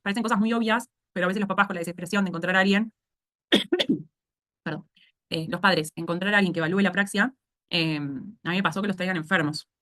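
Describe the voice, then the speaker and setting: A woman's voice: lowish voice, a little fast, a bit bright. A woman with a Rioplatense Spanish accent lecturing as a speech therapy instructor in an online course, explaining things step by step and often checking in with "¿sí?". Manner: explanatory, asks "¿sí?" to check understanding.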